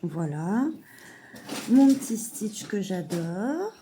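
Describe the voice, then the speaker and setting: A woman showing a parcel in a casual vlog at home, hesitant with many fillers and softly gushing. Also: medium pitch, sing-song, drawn-out words, a little hiss or hum. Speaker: mother unboxing a parcel of saving challenges. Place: at home at a table.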